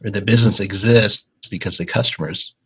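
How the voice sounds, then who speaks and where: Low husky man, halting speech. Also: fairly bright tone, low-quality recording. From Argentina. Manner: halting, many ums and restarts. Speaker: guest, consulting company founder. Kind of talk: casual interview talk.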